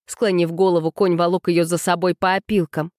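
A woman narrating a story in a steady, measured audiobook reading. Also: on the low side, dry recording, studio quality.

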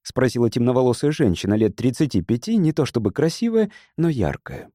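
Male audiobook narrator, expressive and lively, dry booth sound. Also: mid-range voice, brisk, no room sound.

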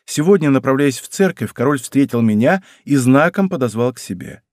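A man reading an audiobook, voicing a polite young nobleman in a calm, measured way. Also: no echo, studio quality, close to an everyday voice. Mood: explaining. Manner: measured, polite, lowered pitch. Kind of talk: audiobook character voice.

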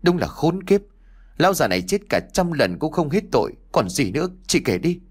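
A woman's voice: low-pitched, big pitch swings, fairly quick, slightly rough, voice pushed up, heavily acted. A male reader puts on a fierce young village woman in a spoken storybook. Her voice swings widely up and down as she pours out anger and grief in raised bursts. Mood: angry. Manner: emotional, raised outbursts.

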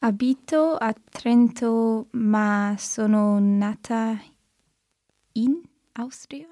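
A woman student answering carefully and tentatively in a language lesson. She speaks slowly in a mellow, slightly high voice. The sound is dry and close. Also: no room sound.

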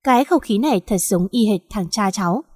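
A woman's voice: medium pitch, expressive, brisk, darkish tone, breathy edge, no echo, studio quality, big-room sound. A woman voicing a scheming older male crime boss, gloating and mocking.

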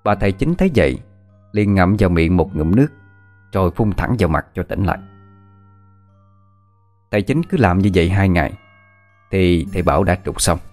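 A man narrating a scripted horror story in a steady, measured way. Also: deep voice. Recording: faint background music.

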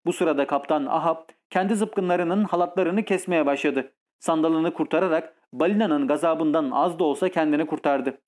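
A man narrating an adventure audiobook in a steady, measured storytelling voice. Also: a little high.

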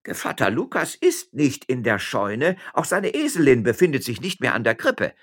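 A man's voice: mid-range voice, wildly swooping pitch, normal speed, a bit bright, pitched above the performer's own voice. A man voicing a frightened, flustered male servant bringing alarming news. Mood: alarmed.

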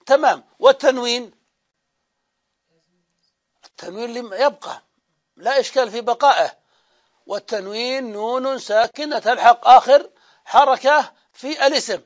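High-voiced man lecturing on grammar, lo-fi. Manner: explains step by step, asks and answers his own questions; drawn-out repetition of example words. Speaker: Arabic grammar teacher. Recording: dull lo-fi lecture recording.

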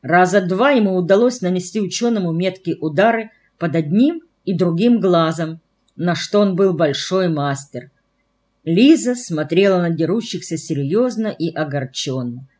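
A woman narrating a novel for an audiobook in an even, clear storytelling manner. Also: fairly low pitch, moderate pace.

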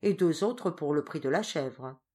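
A woman's voice: low-pitched, expressive, a little slow, darkish tone. A woman voicing a spoiled, impetuous rich young girl in a storybook reading, who speaks in a pleading, eager way.

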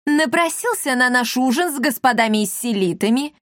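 A woman reading a story aloud, voicing a loud, bullying middle-aged female commandant who shouts and mocks. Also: lively intonation, normal speed, no echo, clean studio sound. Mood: spiteful. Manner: shrill, shouting, mocking.

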